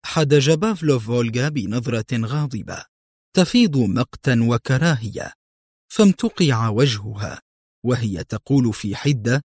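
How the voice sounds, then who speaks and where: A man giving measured, dramatic audiobook narration. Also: medium pitch, lively intonation, darkish tone, breathy edge, no echo, clean studio sound.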